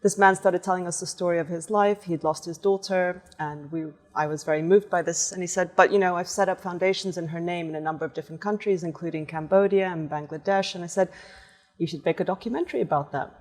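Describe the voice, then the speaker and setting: A woman artist guest with a fairly low voice tells stories from her life in a lively, conversational way. Her voice carries a long reverb tail in the room. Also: fast. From born in Portugal, raised in several countries. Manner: lively anecdotal storyteller. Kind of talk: conversational storytelling.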